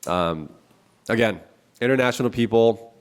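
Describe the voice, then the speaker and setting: A man's voice: mid-range voice, moderate pace, smooth. A man hosting a casual podcast from a small office, talking in a nasal, stuffy voice, chatty and self-deprecating, laughing often. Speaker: podcast host. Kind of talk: casual solo podcast talk with phone calls.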